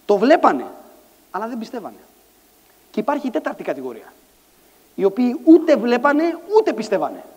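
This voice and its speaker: Male conference speaker, high voice, lively storyteller, hall reverb. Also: pauses often, slightly rough. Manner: animated storytelling, acts out dialogue, shouts lines. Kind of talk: motivational stage talk. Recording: echoey hall sound.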